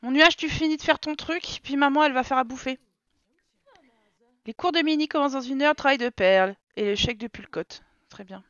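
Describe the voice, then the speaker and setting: High-voiced woman grumbling over her game. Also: fairly quick, fairly bright tone, no room sound, dull audio. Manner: exasperated, scolds her characters. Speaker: gaming streamer. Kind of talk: casual let's-play commentary.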